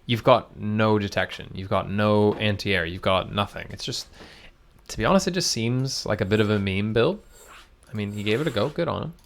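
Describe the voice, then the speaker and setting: A man doing lively, joking commentary on a strategy game match. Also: fairly low pitch, moderate pace. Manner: excitable, joking. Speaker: caster. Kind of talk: esports commentary.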